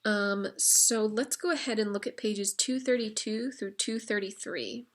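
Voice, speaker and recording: Slightly hoarse woman giving a chatty book talk. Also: mid-range voice, fairly even intonation, measured pace. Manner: chatty, frequent fillers, wry asides. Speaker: book discussion leader. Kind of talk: informal literature lecture.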